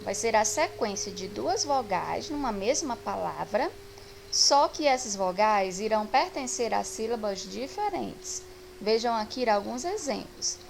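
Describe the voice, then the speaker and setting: A woman teacher with a Brazilian Portuguese accent, giving a recorded grammar lesson with slow, patient explaining and stretched-out example words. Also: on the high side, creaky, slight background noise, rough recording.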